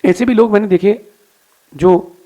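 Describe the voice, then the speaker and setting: A man's voice: high voice, a little slow, narrow, tinny audio. A man telling a moral story and lecturing listeners in a folksy, preachy way. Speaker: spiritual speaker.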